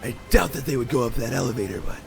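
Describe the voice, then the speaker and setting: A man's voice: mid-range voice, expressive, rapid-fire, vocal fry, soft background music. A man voicing a blunt, practical male ally in a tabletop game, talking offhand. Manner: casual, offhand.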